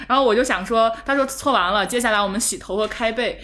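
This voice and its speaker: Woman podcast co-host, somewhat high voice, chatty storyteller. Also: fast talker. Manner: animated anecdote telling with laughter. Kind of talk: casual chat, storytelling.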